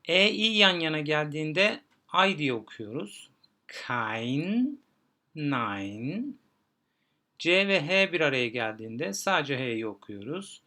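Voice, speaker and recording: Bright-voiced man teaching pronunciation. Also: a little high, animated. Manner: slow, deliberate, spelling out letters and repeating sample words. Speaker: German teacher. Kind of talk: explaining pronunciation to learners.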